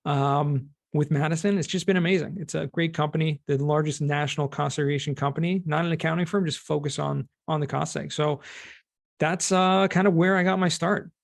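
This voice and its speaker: This podcast guest, a former teacher turned cost segregation expert, is a middle-aged man from California with an American accent. In a conversational interview he lays things out in plain language, talking fairly quickly in a steady, gravelly voice that sits on the high side.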